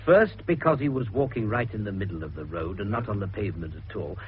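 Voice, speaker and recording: Man playing an animated, irritable British police superintendent. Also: fairly low pitch, close to an everyday voice. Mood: brisk, irritable. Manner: exasperated, brisk, emphatic. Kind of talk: radio drama acting. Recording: muffled radio broadcast, faint noise.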